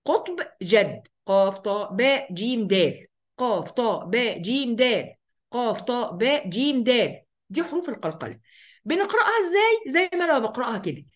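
A woman with an Egyptian accent teaching the rules of Quran recitation, chatting casually, asking and answering her own questions and reciting verses slowly. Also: fairly high pitch, big pitch swings. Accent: Egyptian Arabic. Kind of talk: tajweed lesson.

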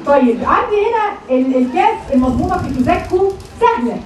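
A woman's voice: high voice, sing-song, fairly quick, very noisy. A woman with an Egyptian accent teaching Quran recitation, questioning her students and drilling them on how letters are pronounced. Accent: Egyptian Arabic. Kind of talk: classroom lesson with drills. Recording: roomy, distant from the mic, chattering class behind.

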